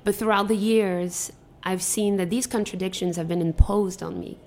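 Algerian-accented woman, measured and reflective. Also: mid-range voice, fairly even intonation, darkish tone, a little hiss or hum. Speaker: podcast co-host. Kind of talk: casual radio chat. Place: hotel broadcast studio.

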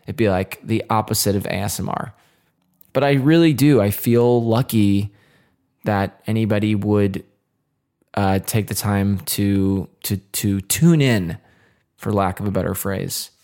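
A man's voice: lowish voice, unhurried, a little mellow. A man hosting his own podcast, talking to listeners in a casual, earnest, rambling way with plenty of fillers and restarts. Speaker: podcast host. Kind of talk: casual solo podcast monologue.

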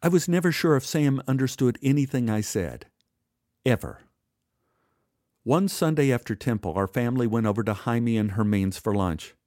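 A man's voice: medium pitch, moderate pace, a little mellow, no room sound, studio quality. A man narrating his own memoir in a wry, conversational way. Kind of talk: storytelling narration.

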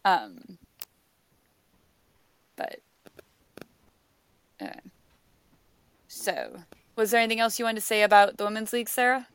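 A woman's voice: mid-range voice, very animated, measured pace, pauses often, a bit bright, smooth, no room sound. Woman podcaster rambling, lots of likes and ums, dry sound. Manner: rambling, filler-heavy, swears casually. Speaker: podcast co-host. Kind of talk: casual chat.

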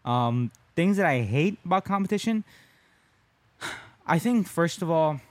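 On a casual podcast, a co-host who competes in jiu-jitsu talks about his sport, his somewhat high voice animated yet unhurried. He keeps things conversational, often asking listeners "right?" The recording has no echo.

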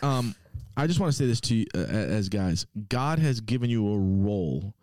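A man's voice: fairly low pitch, very animated, normal speed, a little mellow, no echo. Earnest male podcast co-host, dry studio sound. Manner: earnest, exhorting, joking. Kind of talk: casual podcast chat with encouragement.

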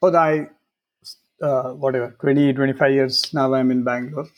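A middle-aged man from Maharashtra, a native Marathi speaker with a Marathi Indian accent, chatting casually in a halting way and often checking in with "right?". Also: mid-range voice, steady tone, lo-fi sound. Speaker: podcast participant. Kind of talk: casual chat.

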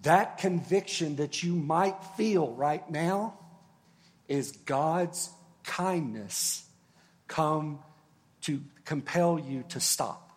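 A man preaching a sermon as pastor, earnest and unhurried, with long pauses and words that fall away softly. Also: on the high side. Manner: slow, earnest preaching with long pauses and soft drops in volume.

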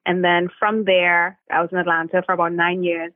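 An immigration attorney from Trinidad and Tobago tells her story as a remote podcast interview guest, using earnest fillers. She speaks briskly in a low-leaning, level voice. The phone line sounds tinny but has no echo.

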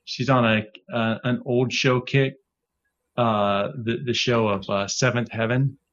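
A man's voice: medium pitch, steady tone, unhurried, a bit bright, slight background noise. A man chats loosely on a podcast roundtable, wandering between thoughts in an easygoing way. His voice sits mid-range and the audio is a little dull and lo-fi. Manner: rambling, easygoing. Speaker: podcast co-host. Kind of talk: casual roundtable chat.

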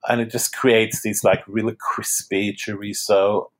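A man's voice: lowish voice, flat delivery, measured pace. Chatty man from Norway, laughing easily. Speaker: podcast guest. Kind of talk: casual interview chat.

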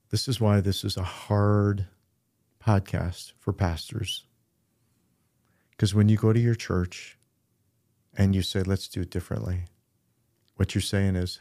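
A middle-aged pastor speaks earnestly in a low, gravelly voice, easing into stories and acting out what people said. His tone is dark and mellow. He is recorded dry and close on the mic. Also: no room sound. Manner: earnest storytelling, acts out quoted voices. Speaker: pastor and podcast co-host. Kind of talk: casual podcast conversation.

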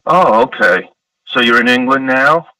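Bright-toned man calling in by phone. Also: mid-range voice, measured pace, dry recording. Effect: heard over a phone line. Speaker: caller. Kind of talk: casual chat. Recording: distant call-in phone audio.

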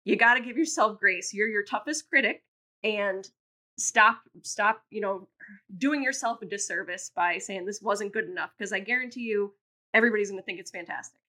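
A woman's voice: medium pitch, normal speed, sharp tone. A woman co-hosting a podcast, giving earnest, encouraging advice. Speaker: podcast co-host. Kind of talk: casual conversation.

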